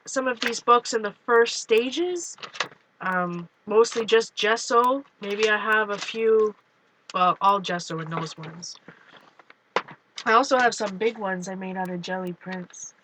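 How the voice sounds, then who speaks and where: A woman with a Minnesota-flavored Canadian accent sits on her couch at home, paging through her art journals while rambling casually to her audience. Her voice is medium in pitch and measured in pace, with noise audible in the background.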